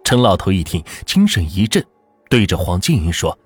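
A man narrating a folk ghost story as the channel's host, in a dramatic, lively storytelling manner. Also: sits low, normal speed, breathy edge, no echo, faint music behind.

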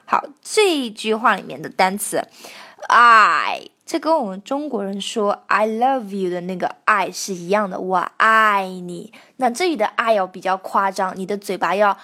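A young woman teaching the pronunciation of a song line by line, explaining each sound and then singing short phrases slowly to show it. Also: mid-range voice, lively intonation, sharp tone.

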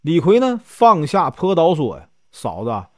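A man's voice: a little high, huge pitch swings, normal speed, a little mellow, no echo, studio quality. A man with a Northeastern Mandarin accent telling a classic novel as a chatty storyteller, drawing out his sentence particles.

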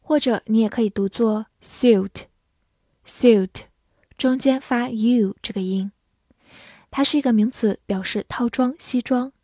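Husky woman teaching English words slowly. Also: fairly high pitch, mellow, dry recording, studio quality. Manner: spells words letter by letter and reads sentences slowly. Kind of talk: vocabulary lesson with slow model readings.

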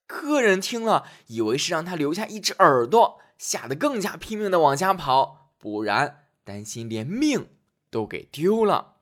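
A male storyteller reading a fairy tale to children, his voice sitting a touch high and swinging widely in pitch. He sounds gentle and expressive, talking right to young listeners. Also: moderate pace.

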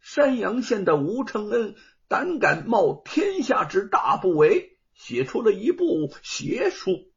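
A man voicing a pompous, loud wealthy villain who indignantly accuses an author before a magistrate. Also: high voice, big pitch swings, slow pace, vocal fry, few pauses, slightly rough, voice pushed up, exaggerated voice. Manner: blustering, indignant, declaiming. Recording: dull lo-fi recording.

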